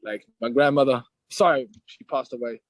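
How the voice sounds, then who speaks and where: A young man from Kenya, a rapper, telling stories in a relaxed, joking way in a casual podcast chat. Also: medium pitch, normal speed, dry recording, poor audio. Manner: laid-back, joking storyteller. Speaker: guest rapper.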